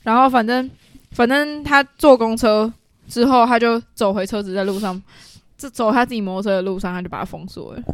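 A woman's voice: on the high side, steady tone, a little fast. A woman co-hosting a casual podcast, telling a story and acting out the quoted lines, laughing often. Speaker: podcast co-host.

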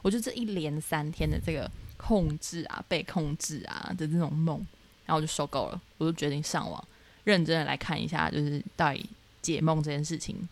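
A young woman from Taiwan, co-hosting a podcast, telling her dreams in animated casual chat full of fillers. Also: sits low, a little fast. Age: young adult. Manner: animated storytelling with many fillers. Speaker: podcast co-host.

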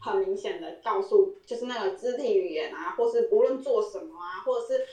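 A woman co-hosting a podcast tells a story in casual conversation, laughing often and acting out the quoted lines. Her mid-range voice is a little fast and darkish in tone. She sits back from the mic, recorded from a distance with a roomy echo.

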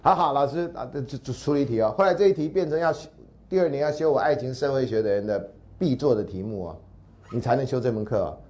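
A middle-aged man lecturing and telling a story, acting out the people he quotes with lively shifts in his voice. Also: fast. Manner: animated, acts out quoted voices with jumps in pitch. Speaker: university lecturer. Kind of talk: lecture storytelling with acted dialogue. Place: lecture hall.

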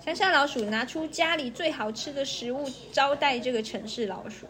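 A woman's voice: high voice, moderate pace, a bit bright. A woman reading fables aloud to a young child in a sing-song, coaxing way, stopping to ask the child questions.

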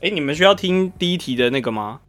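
A man's voice: a little high, animated, fast, a bit bright, no room sound, soft background music. A man with a Taiwanese Mandarin accent hosting a podcast quiz with casual banter. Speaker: podcast co-host running a quiz.

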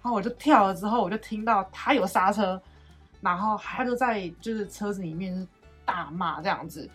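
A young woman co-hosting a casual chat, retelling a story with animated, swearing quotes. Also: medium pitch, brisk, husky, soft background music. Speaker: podcast co-host.

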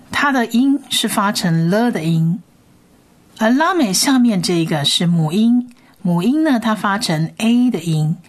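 Patient woman teaching Hebrew sounds. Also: lowish voice. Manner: slow, patient spelling-out of sounds. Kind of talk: Bible language lesson.

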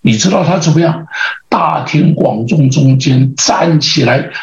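A male pastor with a Taiwanese Mandarin accent, preaching through lively stories and acting out the dialogue. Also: fairly high pitch, a little slow, creaky. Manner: lively anecdotal, acts out dialogue. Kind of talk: storytelling sermon. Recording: roomy, slightly dull podcast audio.

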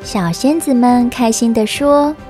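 A woman narrating a scripted children's story in an expressive, careful storytelling manner. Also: on the high side, measured pace, faint music behind.

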